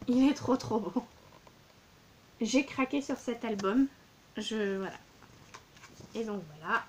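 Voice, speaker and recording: A woman's voice: on the high side, takes it slowly, a little hiss or hum. A woman in her thirties, a book vlogger showing her purchases in a casual, gushing way, with many fillers and repeated words. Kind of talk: casual book haul vlog.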